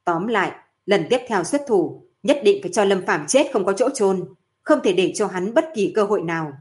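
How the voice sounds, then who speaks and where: A man's voice: sits high, expressive, moderate pace. A woman voicing a grim male sect elder who speaks in a heavy, solemn way.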